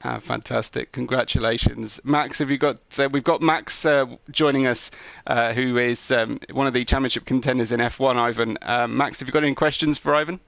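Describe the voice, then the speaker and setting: A man's voice: medium pitch, fairly even intonation, a little fast, gravelly, a bit bright, no echo. A man hosting a sim racing league broadcast, chatting upbeat with drivers after the race, with plenty of ums. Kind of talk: post-race interview chat.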